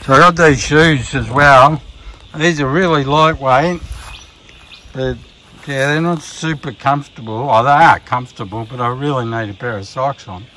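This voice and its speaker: Outdoors at a riverside campsite, an Australian-accented vlogger films on his phone while casually walking through his hiking gear. He's relaxed and rambling, with plenty of ums and restarts, speaking at normal speed in a mid-range voice.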